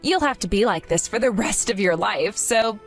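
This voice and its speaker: A woman's voice: medium pitch, expressive, moderate pace, faint music behind. A young woman voicing a scornful, two-faced young woman who mocks and laughs at her friend.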